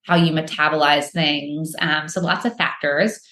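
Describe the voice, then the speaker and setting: A woman's voice: low voice, fairly even intonation, moderate pace, pushed and bright. A woman guest on a podcast, explaining things casually with lots of fillers and restarts. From United States. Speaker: podcast guest, microdosing entrepreneur. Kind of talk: casual interview answers. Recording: roomy echo.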